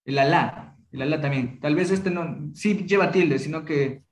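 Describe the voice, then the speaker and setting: A man's voice: on the high side, reverberant, slight background noise, rough recording. Young man teaching over a video call. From Ecuadorian Amazon. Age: young adult. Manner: casual, halting, with many restarts. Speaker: Kichwa workshop teacher. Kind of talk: online class discussion.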